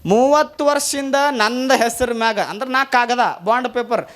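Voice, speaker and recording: A man's voice: extremely high pitch, normal speed, fairly bright tone, pitched above the performer's own voice. A man voicing a boastful talking bond paper document in a sermon parable, mocking and gloating, with a North Karnataka Kannada accent.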